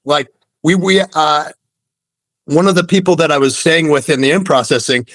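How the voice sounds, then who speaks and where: A man's voice: on the high side, moderate pace, a bit bright, no room sound. A man from Idaho co-hosting a podcast, chatting casually with laid-back jokes and some swearing. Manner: joking, laid-back, profane. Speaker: podcast co-host.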